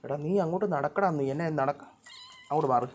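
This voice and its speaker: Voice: mid-range voice, quick pace, a little mellow. A speaker, calling cats over to feed them in short coaxing and scolding bursts. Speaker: vlogger feeding cats. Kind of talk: casual talk to pets. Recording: dull lo-fi sound with faint noise. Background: cats meowing.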